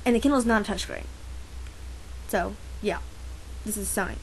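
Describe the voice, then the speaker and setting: A teenage girl vlogs casually to her camera in a mid-range voice at normal speed, ranting in a sarcastic, rambling way and often cutting herself off mid-sentence. The audio is poor, with slight background noise.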